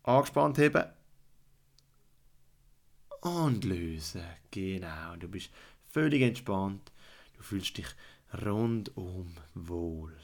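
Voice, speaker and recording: A man with a Swiss German accent narrating a guided relaxation and sleep story, soothing, with repeated instructions that at times drop to a hush. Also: sits low, animated, slow pace, pauses often.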